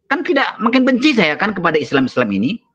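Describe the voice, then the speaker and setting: Angry scolding pastor, muffled audio. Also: male voice, sits high, big pitch swings, fast talker, a bit bright, slightly rough. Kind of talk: heated online religious debate.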